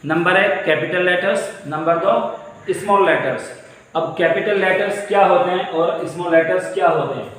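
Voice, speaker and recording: A man teaches a grammar lesson in a fairly high voice, heard from a distance across the room. His speech rings out in a strongly echoing space with a long tail of reverb. He explains patiently, going over each point again and asking his class questions. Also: moderate pace, a bit bright, slight background noise. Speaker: English teacher. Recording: echoey room from far off.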